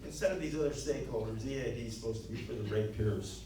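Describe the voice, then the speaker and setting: An earnest man delivers his closing statement at a local candidate forum, filling pauses with plenty of "uh"s. His voice is soft and dark in tone. He is picked up from far off in a very echoey hall with a light hum behind him. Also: mid-range voice. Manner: earnest, plain-spoken, frequent fillers. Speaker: candidate giving closing remarks. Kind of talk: campaign speech at a local forum. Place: meeting hall.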